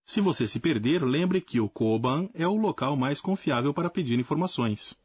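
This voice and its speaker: A man teaching a language lesson in a clear, explanatory scripted narration. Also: a little high, expressive, normal speed, darkish tone.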